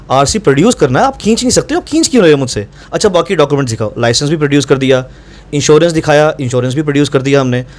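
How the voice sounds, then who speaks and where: A man telling a reporter about his run-in with police, insistent and acting out both sides of the exchange. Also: fairly high pitch. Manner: fast, insistent, reenacts dialogue. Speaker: doctor recounting incident to reporter. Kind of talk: animated first-person account.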